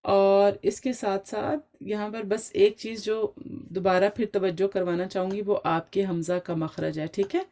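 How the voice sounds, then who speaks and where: A woman's voice: mid-range voice, steady tone, few pauses, mellow. A woman teaching Quran recitation in an online class, with speech, explaining step by step and checking in often with her students.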